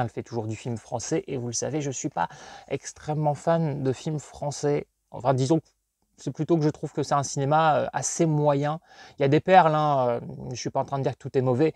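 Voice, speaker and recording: A man's voice: medium pitch, mellow, no echo. A man from northern France, chatting casually about his collection in a rambling, digressive way full of hesitations. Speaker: collector vlogger. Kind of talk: casual chat.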